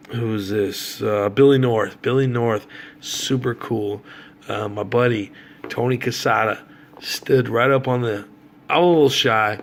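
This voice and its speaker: Gravelly, easygoing man telling stories. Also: mid-range voice, a bit bright. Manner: laid-back, rambling, slangy, swears casually. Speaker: autograph collector and fan. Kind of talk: casual storytelling vlog.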